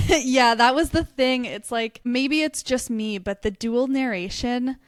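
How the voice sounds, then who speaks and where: A woman's voice: fairly high pitch, a little slow, no echo, clean studio sound. A young woman co-hosting a book podcast, chatting casually and animatedly, laughing often. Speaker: podcast co-host. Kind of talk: casual book review chat.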